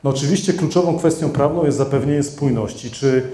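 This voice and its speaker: A man's voice: medium pitch, brisk, mellow. A middle-aged man giving a conference talk into a handheld microphone, hesitant with many fillers and restarts as he addresses the audience. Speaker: conference speaker. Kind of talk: conference presentation. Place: conference hall with seated audience. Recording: roomy hall echo.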